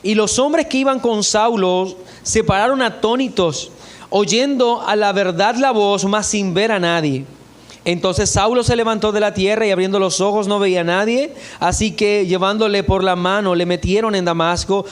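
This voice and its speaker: High-voiced man preaching a sermon. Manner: measured expository preaching, reads scripture aloud. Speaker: pastor. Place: church.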